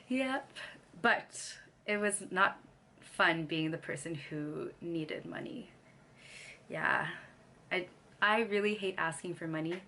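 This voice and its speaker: A young adult vlogger from Canada talks casually into the camera with a lowish, fairly bright voice. Laughter comes often between her sentences, and her throat is still a little scratchy since she lost her voice.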